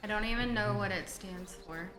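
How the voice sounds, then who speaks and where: A woman's voice: medium pitch, normal speed. A woman co-hosting a casual game review chat, plain and self-deprecating. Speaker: co-host, wife. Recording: echoey room with music.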